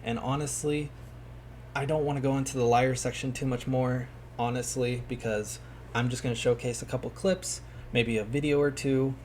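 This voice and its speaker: A man hosting a commentary video, talking in a measured way and often saying "honestly.". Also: medium pitch, steady tone, a little mellow, a little hiss or hum. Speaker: YouTuber host.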